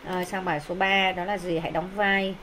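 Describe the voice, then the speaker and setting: A woman teacher walks through textbook exercises in a fairly low voice. She hesitates often and fills her pauses. Faint background noise sits under her voice. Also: level tone, sharp tone, low-quality recording. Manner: hesitant, many pauses and fillers. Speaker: English teacher.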